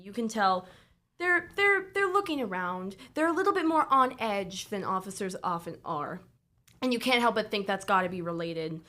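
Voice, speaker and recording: Woman game master narrating with laughter. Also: medium pitch. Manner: lively, laughing, stumbles and corrects herself. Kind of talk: narrating a tabletop role-playing game.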